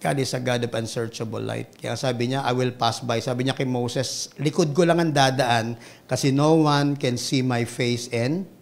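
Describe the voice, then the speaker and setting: A Filipino man preaching a sermon with big swings between loud exclamations and hushed asides. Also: medium pitch, steady tone, normal speed, gravelly. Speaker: pastor.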